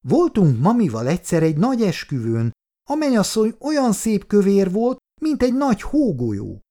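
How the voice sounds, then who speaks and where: Guy doing a little girl's voice, high and bouncy, storybook reading. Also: wildly swooping pitch, heavily acted. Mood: childlike eager. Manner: high childlike voice, bright and eager. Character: little girl, eager, chatty, grieving.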